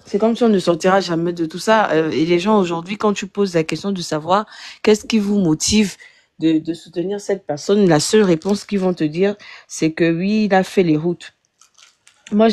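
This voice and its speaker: A woman's voice: lowish voice, a little mellow, dry recording. Hesitant woman speaking on a panel. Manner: hesitant, many fillers and restarts while reasoning. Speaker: panel guest. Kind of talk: live panel discussion.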